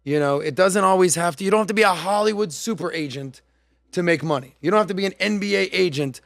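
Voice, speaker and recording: A man in his forties hosting a podcast in a studio, chatting casually and acting out quoted voices with lively gestures. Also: high voice, quick pace, no room sound. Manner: animated storytelling, acts out quoted voices. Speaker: podcast host. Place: studio set. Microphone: studio mic on boom arm.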